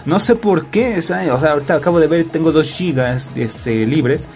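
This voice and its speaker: A man's voice: on the high side, moderate pace, darkish tone, faint music behind. Chatty Mexican man narrating gameplay. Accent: Mexican Spanish. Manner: joking, chatty, full of fillers and tag questions. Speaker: gameplay commentator. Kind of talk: casual gameplay commentary. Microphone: laptop recording.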